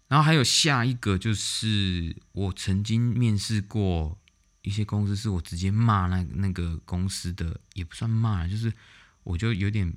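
Low-voiced man telling stories casually. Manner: animated, blunt, with mild swearing. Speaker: vlog host. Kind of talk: casual storytelling monologue.

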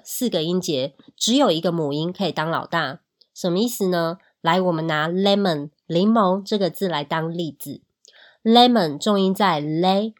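Taiwanese lady doing a chill english lesson podcast, kinda low voice, keeps asking you questions. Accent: Taiwanese Mandarin. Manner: chatty, asks listeners questions, demonstrates English words slowly. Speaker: English teacher and podcast host.

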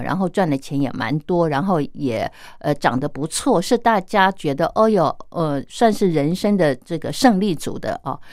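A middle-aged woman, talking earnestly and gently as a radio host, with many soft fillers. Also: low voice, no echo, clean studio sound. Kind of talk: reflective radio talk.

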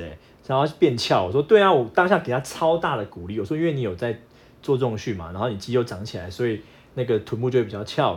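Male podcast co-host, fitness-coach type, fast and expressive, casual banter. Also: medium pitch. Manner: animated, acts out his wife's whining in quotes. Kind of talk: casual couple chat.

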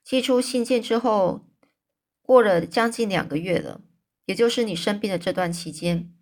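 A woman voicing a kind, earnest middle-aged male magistrate in a storybook reading, speaking in a gentle, measured way. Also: medium pitch, lightly acted.

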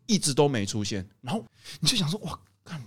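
Animated, laughing man telling stories. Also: a little high, fast, slightly rough. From Taiwan. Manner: animated, laughs often, lively storyteller. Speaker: podcast co-host, wedding photographer. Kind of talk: casual storytelling chat.

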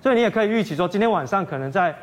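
A man's voice: high voice, animated, racing. A man with a Taiwanese Mandarin accent giving financial commentary as a guest analyst, explaining step by step and posing questions he then answers.

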